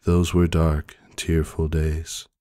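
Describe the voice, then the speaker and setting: A man reads fan fiction aloud in a very deep, flat voice, measured and deadpan. The sound is dry and close, with faint music beneath. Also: no echo. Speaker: narrator. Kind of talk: dramatic reading of fan fiction.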